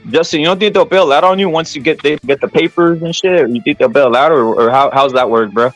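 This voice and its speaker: A man's voice: fairly high pitch, quick pace, muffled recording, faint music behind. A man hosting a podcast in crude casual chat, teasing, interrupting and joking. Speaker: podcast host.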